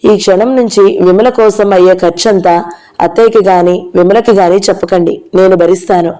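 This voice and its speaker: A woman's voice: medium pitch, moderate pace, mellow, lightly acted, low-quality recording. Woman reading as an earnest young man. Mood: urgent. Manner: earnest, urgent. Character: earnest young male lawyer, impassioned.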